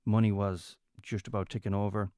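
Man, west of Ireland accent, lowish pitch, dry close sound, casual storyteller, halting repeated phrases. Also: flat delivery, mellow, smooth, no room sound. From County Mayo, west of Ireland. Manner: halting, repeats words and restarts phrases often. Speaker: interview guest, comedian and entertainer.

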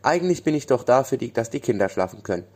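A man voicing a kind little female fairy in a bedtime story, talking gently and soothingly. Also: mid-range voice, big pitch swings, quick pace.

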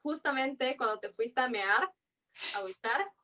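A woman's voice: high voice, animated, a little slow, sharp tone. A young woman in her twenties with a marked Yucatán accent, chatting loosely as a podcast guest, rambling with slang and fillers. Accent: Yucatán Mexican Spanish. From Yucatán, Mexico. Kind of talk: casual chat.

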